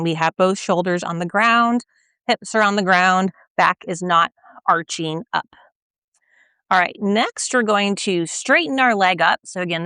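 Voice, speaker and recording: Her medium-pitched voice is clear and resonant, recorded without echo, as this young woman instructs a stretching session. Patient and soft-spoken, she keeps asking how the listener is doing while getting a bit winded from doing the stretches herself.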